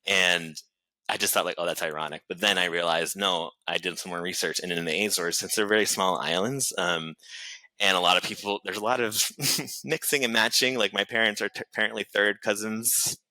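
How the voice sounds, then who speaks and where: Low, bright-voiced American man chatting. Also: fairly even intonation, normal speed, no room sound, low-quality recording. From United States. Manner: chatty and rambling, with many filler words and small laughs. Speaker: podcast guest. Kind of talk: casual conversation.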